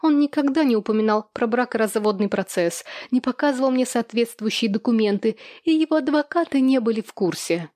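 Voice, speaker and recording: A woman voicing an indignant young widow who breaks into shrill, defensive outbursts. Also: lively intonation, fairly quick, few pauses, darkish tone, no echo, studio quality, natural voice.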